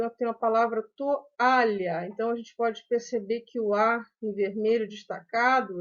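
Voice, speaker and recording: A woman teacher with a Brazilian Portuguese accent giving a recorded review lesson to children, explaining slowly and patiently and often checking with "né?" and "ok?". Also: fairly high pitch. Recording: dull lo-fi sound.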